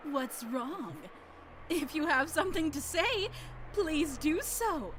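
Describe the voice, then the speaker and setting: A woman's voice: high-pitched, expressive, slow pace, fairly bright tone, slight background noise, exaggerated voice. A woman voicing an arrogant aristocratic lady who sneers at a servant, with music behind. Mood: taunting. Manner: sneering, imperious. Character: haughty arrogant noblewoman, scornful. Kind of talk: amateur read-aloud of a story. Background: music playing.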